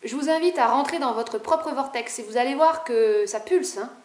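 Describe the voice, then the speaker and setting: A woman spiritual vlogger talking fast and animatedly to camera in a casual, rebellious way, with a high-pitched voice. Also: darkish tone, reverberant.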